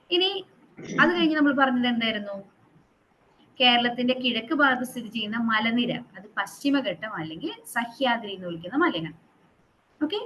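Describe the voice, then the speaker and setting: Higher-voiced woman teaching a class. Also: muffled recording, slight background noise. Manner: quizzes the class and repeats figures to drill them; mixes English terms into her teaching. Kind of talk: classroom geography lesson.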